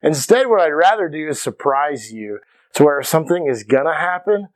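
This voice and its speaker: An Irish martial arts instructor teaches self-defense to camera in a casual but emphatic way, frequently checking in with "okay". His voice is on the high side, animated, and brisk.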